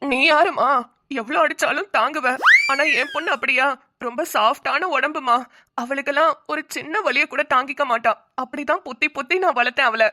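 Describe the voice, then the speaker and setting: A fretful cartoon mother-in-law, acted by a woman, doting and dramatic in her worry. Her voice is high-pitched and bright. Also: fairly quick. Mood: fussing. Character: fussy doting mother-in-law, middle-aged. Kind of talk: cartoon voice acting.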